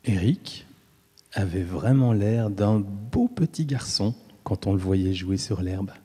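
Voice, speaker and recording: A man giving an intimate, expressive first-person literary reading, with long reverb on the voice. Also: on the low side, takes it slowly, breathy edge, soft background music. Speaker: reader.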